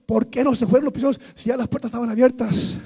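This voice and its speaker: A man preaching a Pentecostal sermon in church, building from quiet storytelling to shouted praise. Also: very high-pitched, fairly even intonation, fast talker, gravelly, breathy edge.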